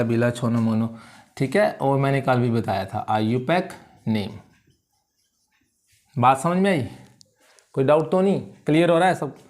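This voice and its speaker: A male chemistry teacher giving a classroom lecture. He keeps asking whether students follow and repeats key terms slowly so they can write them down. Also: mid-range voice. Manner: checks understanding with repeated questions; calls students "beta" warmly.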